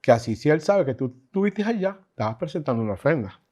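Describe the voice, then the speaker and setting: A man teaching a Bible class in an animated, chatty way, with asides. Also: on the high side, fast. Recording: dull lo-fi recording.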